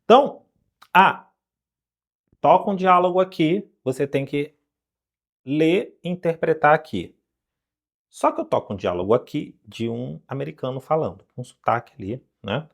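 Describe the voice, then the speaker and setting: A man from Brazil teaching an online English lesson, animated and coaxing, full of rhetorical questions. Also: a little high, normal speed, creaky, long pauses.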